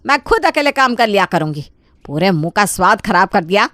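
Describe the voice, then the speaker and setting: Middle-aged mother-in-law in a cartoon story, voiced by a woman, bossy, scolding, fairly high, dry studio sound. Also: big pitch swings, moderate pace, a bit bright, no echo. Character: middle-aged mother-in-law, easily swayed, sharp-tongued. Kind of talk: Hindi cartoon voice acting.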